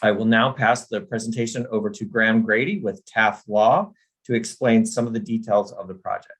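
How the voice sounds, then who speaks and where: A man's voice: on the low side, moderate pace, fairly bright tone, slightly rough, rough recording. A man from the city planning department giving a formal presentation on a video call, reading steadily from a prepared script.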